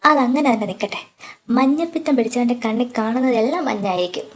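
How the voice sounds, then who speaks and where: High-voiced woman in an earnest audio drama. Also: expressive, fast talker. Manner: earnest, emotional dialogue delivery. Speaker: storyteller voicing the characters.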